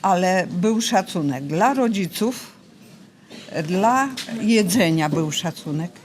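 An old woman in her seventies talks in a casual interview. Her pitch swings in a lively way as she makes her points politely but insistently, in folksy terms. There is light ambient noise behind her. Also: slow pace. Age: 70s. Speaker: interviewee, retired grandmother.

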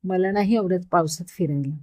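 A woman voicing a playful young woman who teases her friend in lively story dialogue. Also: lowish voice, fairly quick, natural voice. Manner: lively, teasing banter.

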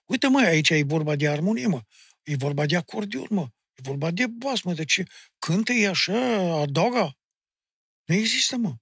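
A middle-aged man with a Maramureș Romanian accent tells stories in a casual podcast chat. He is emphatic and insistent, and his husky voice swings widely in pitch. The sound is dry and close to the mic. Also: no room sound. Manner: animated storyteller, addressing the host bluntly with "mă" and "domne". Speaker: guest, folk singer and music teacher.

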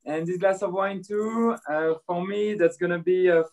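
A man on a video call describing his wine hesitantly, with many pauses. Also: high voice, steady tone, a little mellow. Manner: hesitant toast with many fillers. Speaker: winery guest.

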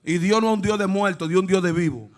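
A man preaching a fervent sermon, dropping to hushed asides and then breaking into shouts while he quizzes the congregation. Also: high voice, fast. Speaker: pastor. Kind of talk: lively Pentecostal sermon.

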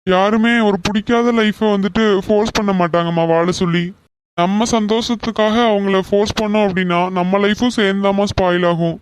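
A woman doing a gentle, patient cartoon son. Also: medium pitch, steady tone, fairly quick, smooth, voice pushed down, close to an everyday voice. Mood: gentle reasoning. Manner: soothing, patient, persuasive. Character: calm young man, gentle reasoning son. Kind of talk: cartoon voice acting.

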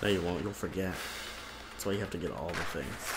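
A man's voice: sits low, fairly quick. A man co-hosting a game let's play, chatting casually with playful, sarcastic jokes. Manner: joking, playful, sarcastic asides. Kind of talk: casual gaming banter. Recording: loud background noise.

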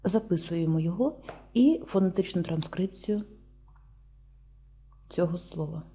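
A woman with a Ukrainian accent giving a slow, deliberate lesson, spelling out sounds one by one. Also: fairly low pitch, dark tone, husky. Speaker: teacher.

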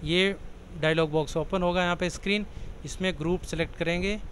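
A man with a slightly high voice walks through a computer program option by option, in a plain, explanatory way. A faint hum of background noise sits under his voice. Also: fairly even intonation, brisk, a bit bright, low-quality recording. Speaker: software tutorial presenter. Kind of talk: step-by-step screen walkthrough.

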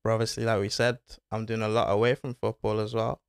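A man's voice: on the low side, little pitch movement, fast, creaky, clean tone, no echo, clean studio sound. A young man, talking casually as a podcast guest, laid-back and full of slang. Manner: laid-back slang-filled talk, says bro and innit. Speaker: guest footballer. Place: small studio with foam panels. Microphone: desk mic on arm.

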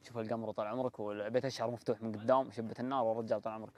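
Fast-talking young Bedouin Saudi man. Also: fairly low pitch, flat delivery. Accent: Bedouin Saudi Arabic. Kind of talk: casual chat and storytelling. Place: walled set with artificial grass, seated group.

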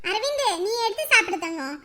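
A woman's voice: very high-pitched, big pitch swings, quick pace, bright, forceful tone, a little hiss or hum, heavily acted. Woman playing a bustling, scolding mother. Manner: scolding, then fussing over guests.

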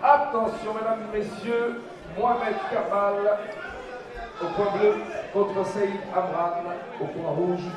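Male boxing ring announcer, very high pitched and slow, projecting drawn-out names through a very echoey arena PA. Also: little pitch movement. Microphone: handheld microphone over arena speakers. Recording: echoey arena PA, distant, crowd noise.

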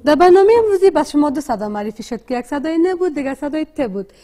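A woman with a Dari accent teaching a literacy lesson, asking questions and answering them herself in a slow, deliberate way. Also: high-pitched, lively intonation, mellow. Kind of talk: classroom lesson.

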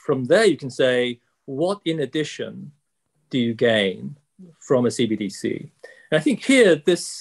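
A man in his sixties speaking as a panelist on a video call, measured and polite, with many fillers. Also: mid-range voice. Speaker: panelist, central bank economist. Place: office with logo backdrop.

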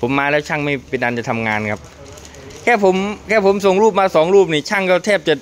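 A man chatting in a casual vlog at an outdoor truck workshop. His pitch swings lively up and down as he talks and laughs, with faint noise behind him. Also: quick pace. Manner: lively, laughs often, speaks to fans. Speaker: truck owner vlogger.

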